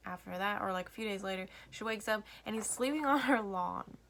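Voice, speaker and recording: A woman chatting casually through a film recap in a valley girl manner, with vocal fry and lots of "like" and acted-out quotes. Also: mid-range voice, a little fast, noisy background. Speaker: movie reviewer retelling a film.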